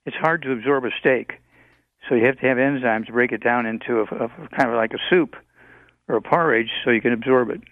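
A man in his eighties giving rambling, halting health advice on a call-in radio show, with many fillers. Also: medium pitch, no room sound, phone-quality sound. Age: 80s.

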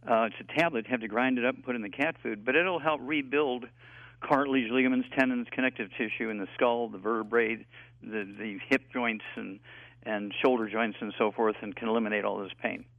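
A man of eighty, a guest health expert on a call-in radio talk show, rambling and halting with many fillers over a tinny phone line. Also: medium pitch, fairly even intonation, no room sound. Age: 80s.

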